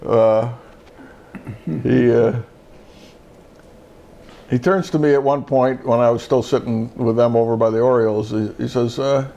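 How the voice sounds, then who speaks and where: A man's voice: mid-range voice, steady tone, measured pace, creaky, long pauses, mellow. An older man, a retired judge and show host, telling a rambling story in casual chat with many fillers and restarts.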